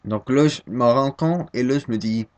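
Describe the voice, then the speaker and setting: Speaking at medium pitch and normal speed, this young first-time vlogger, nineteen and from Quebec, Canada, talks into his webcam at home in a Québécois accent. He rambles casually, self-deprecating and unsure, often tripping over words and starting again. His tone is darkish, and the high frequencies are cut off.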